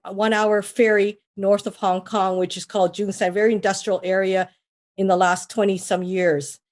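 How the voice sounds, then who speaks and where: This interviewee, a mortgage broker from Trinidad, has a mid-range, slightly mellow voice. Her talk is relaxed and meandering, broken up by frequent false starts and filler words.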